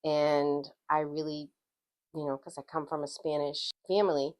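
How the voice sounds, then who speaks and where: Middle-aged woman from Guatemala, reflective interview guest, very low voice. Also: level tone, normal speed, a little mellow. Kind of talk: casual interview.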